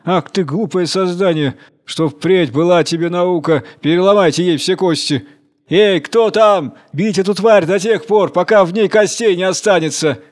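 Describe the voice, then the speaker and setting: An enraged sea dragon king from a storybook tale barks orders, loud and imperious, as a male narrator puts him on. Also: high-pitched, moderate pace, voice pushed up, lightly acted. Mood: furious. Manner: commanding, raging.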